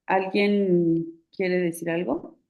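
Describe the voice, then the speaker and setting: A woman's voice: lowish voice, level tone, slow, narrow, tinny audio. Patient woman teacher on a video call. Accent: Mexican Spanish. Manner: patient, explains step by step with many fillers. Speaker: writing instructor. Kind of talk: online class teaching spelling rules.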